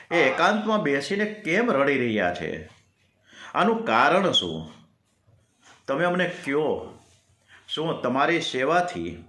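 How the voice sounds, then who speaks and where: A man's voice: on the high side, a bit bright, heavily acted. A man voicing a devoted male companion who anxiously pleads with his lord, in an earnest, questioning way. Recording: roomy echo.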